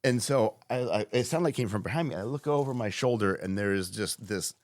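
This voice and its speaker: A man with a fairly low voice tells a story as a podcast guest. His delivery is loose and profane, full of false starts and restarts. The sound is close and dry. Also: animated, brisk, no room sound. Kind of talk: casual storytelling chat.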